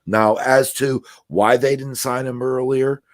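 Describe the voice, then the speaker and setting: A man's voice: medium pitch, steady tone, unhurried, no echo. A man co-hosting a sports podcast, laying out an argument point by point in an assertive, casual way.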